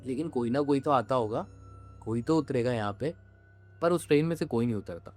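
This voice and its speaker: A man puts on a brash young man, pitched a little higher and louder than his own voice. He sounds dismissive and quick to scoff. Faint music sits under the voice. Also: close to an everyday voice.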